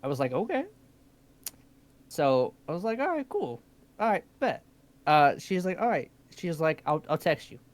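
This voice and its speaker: A man's voice: on the high side, normal speed, pauses often. A young man co-hosting a live stream, telling stories in casual chat and swearing freely. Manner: animated storyteller, swears a lot. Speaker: stream co-host.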